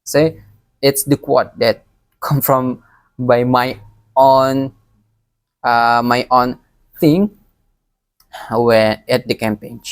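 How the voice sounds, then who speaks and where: A young man with a Palembang Indonesian accent gives a recorded exam presentation as an education student, halting and often repeating words. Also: mid-range voice, steady tone, clean tone, dry recording. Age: young adult.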